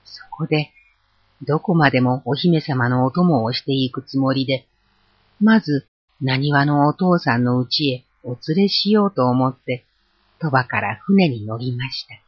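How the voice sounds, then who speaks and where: A storyteller reading a folk tale aloud with an expressive, varied delivery. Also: medium pitch, measured pace, slightly rough, no echo. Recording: dull lo-fi recording.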